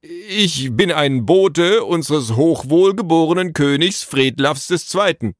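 Raised-voice pompous messenger done by a man, slow and formal, pinched, storybook. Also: fairly high pitch, animated, no echo, studio quality, pitched above the performer's own voice. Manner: stiff, formal, slow and declaiming. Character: pompous adult male royal messenger, easily flustered.

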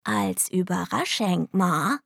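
Storybook kid: woman narrator voicing a lively, stubborn young girl, chattery and high, dry close sound. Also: moderate pace, breathy edge, no room sound, full character voice. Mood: earnest. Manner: earnest, indignant, chattery.

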